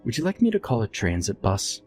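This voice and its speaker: A man voicing a gentle, reassuring elderly woman nurse in a narrated horror story. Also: medium pitch, huge pitch swings, fairly quick, soft background music, voice pushed up. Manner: soft, soothing, motherly.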